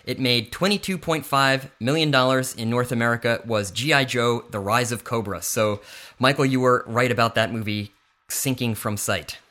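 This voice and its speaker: A man's voice: medium pitch, normal speed, pushed and bright. A man hosting a casual entertainment-news podcast, running down the week's stories in a breezy way. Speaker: podcast host. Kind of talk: casual chat.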